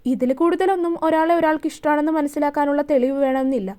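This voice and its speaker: Blunt young woman, serious, direct, high voice, read by a woman. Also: fairly even intonation, fast, dark tone, natural voice.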